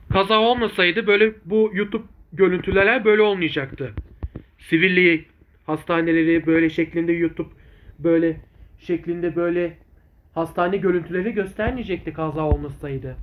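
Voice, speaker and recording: A man giving informal vlog commentary on his videos in a rambling, repetitive, halting way. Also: high-pitched, narrow, tinny audio. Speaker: video channel host.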